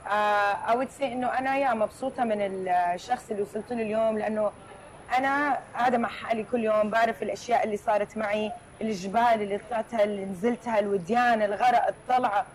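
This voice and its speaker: Interview guest: woman, 30s, Levantine Arabic accent, slightly high voice, brisk reflective talk with English mixed in. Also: steady tone, a little hiss or hum, rough recording. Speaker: podcast guest.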